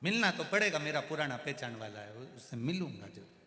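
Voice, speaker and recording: A man voicing a stubborn, hard-of-hearing old grandfather in a spoken story, shouting each word. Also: mid-range voice, very animated, fairly quick. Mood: insistent. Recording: echoey amplified hall.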